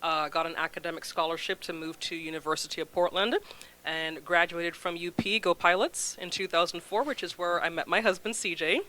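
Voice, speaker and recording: A woman in her forties from Jamaica with a Jamaican accent, a guest chatting casually on a local talk show, laughing easily and trailing off softly. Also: lowish voice, fairly even intonation, fairly quick, low-quality recording. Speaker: guest from a food bank. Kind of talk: casual interview chat.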